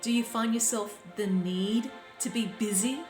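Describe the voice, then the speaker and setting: Slow, deliberate woman coach, roomy sound. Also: on the high side, darkish tone. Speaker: life coach. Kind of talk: reflective talk to camera. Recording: roomy sound with faint background music.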